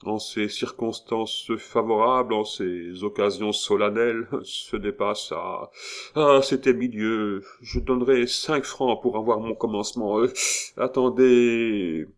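A man's voice: on the low side, steady tone, slow. A man voicing a pompous, flustered male workshop orator who stumbles through a grand, emphatic speech.

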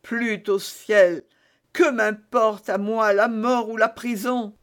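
Pleading scheming captive woman put on by a male reader, tearful, theatrical, high voice, slow audiobook delivery. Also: steady tone, fairly bright tone, clean tone, exaggerated voice. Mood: pleading, indignant.

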